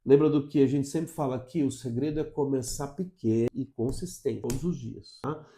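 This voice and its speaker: Brazilian man, English teacher, mellow warm tone, upbeat, chatty check-ins. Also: mid-range voice, moderate pace. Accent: Brazilian Portuguese. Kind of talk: casual video lesson.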